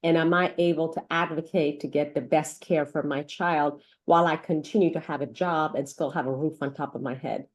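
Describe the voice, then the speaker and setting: A deep-voiced woman talks a little fast with few pauses and fairly even intonation. She's a middle-aged pediatric doctor raised in Iran and Africa, not a native English speaker, speaking earnestly in an interview with many fillers and false starts.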